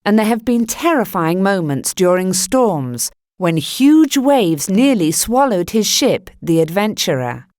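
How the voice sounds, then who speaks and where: A woman narrating a storybook chapter aloud in an expressive reading voice. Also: medium pitch, unhurried, few pauses, dry recording.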